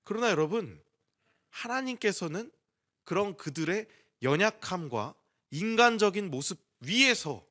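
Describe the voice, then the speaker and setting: A man's voice: sits high, fairly bright tone. A young man preaching an earnest dawn prayer sermon, putting rhetorical questions to the congregation.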